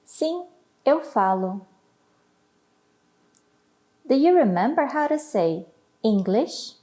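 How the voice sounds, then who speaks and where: Woman language teacher, Brazilian accent, slightly high and mellow, slow patient delivery, roomy echo. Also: big pitch swings. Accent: Brazilian Portuguese. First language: Portuguese. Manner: repeats each word slowly and carefully for learners. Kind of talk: slow, clear language lesson.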